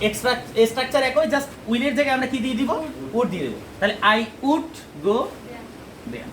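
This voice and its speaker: A man's voice: very high voice, bright, forceful tone, slight background noise, rough recording. A man teaching an English grammar lesson, explaining step by step with repeated examples and check questions. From Bangladesh.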